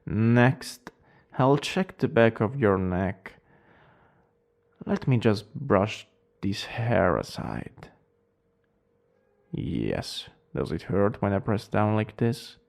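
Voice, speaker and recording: A man playing a cold, formal plague doctor in a role-play, speaking with an Italian accent in a gravelly, deliberate, clinical manner. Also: lowish voice, lively intonation, full character voice. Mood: clinical, courteous. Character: cold, eerily polite male plague doctor.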